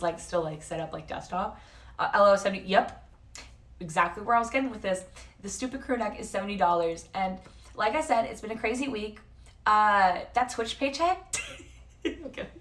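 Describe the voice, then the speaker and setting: A woman in her early twenties, with a North American accent and ties to San Jose, California and Toronto, Canada, chats casually with her livestream viewers. Her medium-pitched voice sounds far from the mic, and she rambles, uses slang, and keeps interrupting herself.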